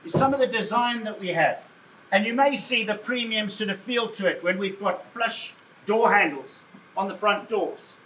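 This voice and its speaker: Calling his audience "folks" and trading jokes with them, a man gives a jovial, chatty live car presentation in what sounds like a showroom or event space. His high-pitched voice has a sharp tone and normal speed, with slight background noise. He's heard from far off in an echoey room with faint ambience.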